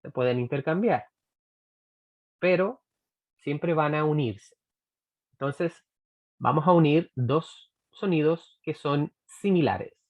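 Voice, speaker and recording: A Chilean woman teaching English pronunciation in a recorded workshop, speaking deliberately and repeating example phrases slowly. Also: sits low, phone-quality sound.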